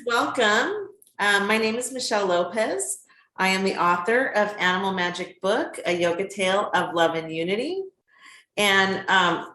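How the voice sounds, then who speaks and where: A woman, a children's book author and teacher, hosting an interview in a warm, affirming way with frequent "um" fillers. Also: medium pitch. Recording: echoey room.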